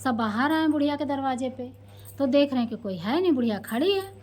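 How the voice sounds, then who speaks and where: Woman vlogger, casual storytelling, high voice, chatty. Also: lively intonation, brisk, darkish tone. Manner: chatty, addresses viewers directly.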